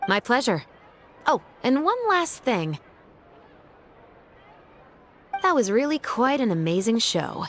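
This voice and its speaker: A brisk, wry patrol officer. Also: female voice, a little high, big pitch swings, a little hiss or hum. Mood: warm. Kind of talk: game voice acting.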